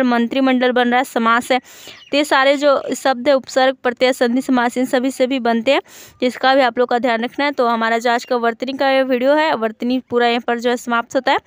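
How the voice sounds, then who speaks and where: High, smooth-voiced woman teaching Hindi spelling. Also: level tone, brisk, no echo. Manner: explains step by step, listing word examples with many fillers. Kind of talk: online exam-prep lesson.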